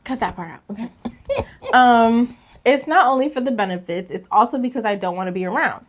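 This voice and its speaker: A young woman co-hosting a casual podcast, reading confessions aloud, animated and slangy, laughing often. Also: on the high side, fairly quick. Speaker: podcast co-host.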